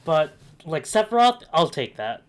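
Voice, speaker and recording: Chatty podcast host, middle-pitched. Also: very animated, measured pace. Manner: chatty, laughs often, leads the talk. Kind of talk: casual chat.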